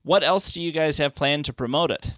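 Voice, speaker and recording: A man's voice: a little high, a little fast, background noise. A man interviewing a band in a casual chat, joking and asking long, winding questions.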